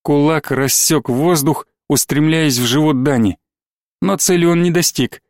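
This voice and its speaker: A man's voice: fairly high pitch, no echo. Man narrating a story, dry close sound. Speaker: audiobook narrator. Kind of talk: scripted narration.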